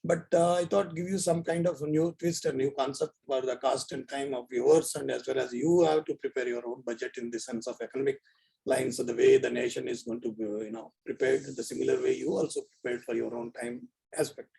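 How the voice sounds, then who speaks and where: A man's voice: medium pitch, steady tone, fairly quick, creaky, mellow, slightly rough, low-quality recording. A middle-aged man with an Indian accent, giving an informal online lecture in an earnest, rambling, repetitive way. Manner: earnest, rambling, repeats phrases. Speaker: professor giving a talk.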